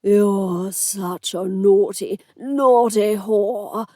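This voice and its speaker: A woman voicing a drunk, cruel male lord who rasps and slurs his words slowly. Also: medium pitch, mellow, no echo, studio quality. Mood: snarling. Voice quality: rasping. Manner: slow, snarling.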